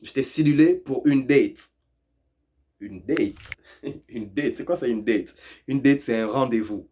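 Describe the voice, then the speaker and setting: A man hosts a casual video lesson on local expressions. He teases his viewers, laughs often and repeats phrases for effect. His voice sits at an ordinary middle pitch. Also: unhurried, warm tone, slight background noise. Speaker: YouTube host explaining Quebec French expressions.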